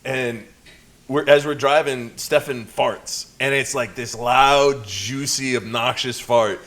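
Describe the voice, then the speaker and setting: A podcast co-host and promoter tells crude stories and teases his partner in casual chat, an animated storyteller. His voice is mid-range and his pace slow.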